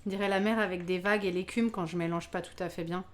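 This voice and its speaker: A woman's voice: lowish voice, steady tone, fast, a little hiss or hum. A woman hosting a live baking stream, chatting casually with her viewers, exclaiming over her work and laughing often. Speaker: live-stream cooking host.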